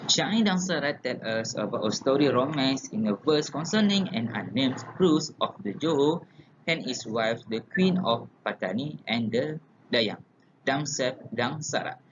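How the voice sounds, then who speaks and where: A man's voice: medium pitch, expressive, unhurried. A young man with a Malaysian accent reading a class presentation aloud, stumbling and restarting now and then. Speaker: student presenter. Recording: lo-fi with clear background noise.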